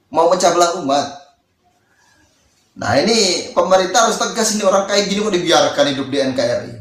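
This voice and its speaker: A man's voice: fairly high pitch, a bit bright, reverberant. A man from Indonesia, an Islamic cleric, giving a heated rebuttal speech in a mocking, scolding way and repeating phrases for emphasis.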